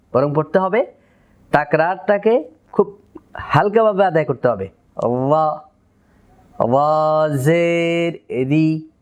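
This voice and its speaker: Man, Bangladeshi Bengali accent, Quran recitation teacher, fairly high voice, patient, drawn-out demonstrations. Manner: patient, repeats syllables slowly to demonstrate pronunciation.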